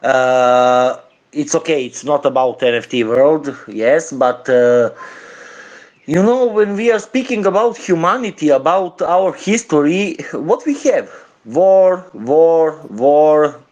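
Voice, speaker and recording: Slow, halting man. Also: a little high, lively intonation, a little mellow, muffled recording. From Serbia. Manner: halting, searching for words, laughing between phrases. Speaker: guest caller. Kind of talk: casual chat on a live audio room.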